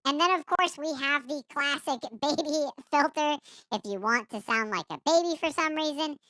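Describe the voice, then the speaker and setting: A man's voice: very high-pitched, normal speed, pushed and bright, no room sound, voice pushed up. A man speaking through a baby voice-changer effect, amused and casual. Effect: baby voice filter.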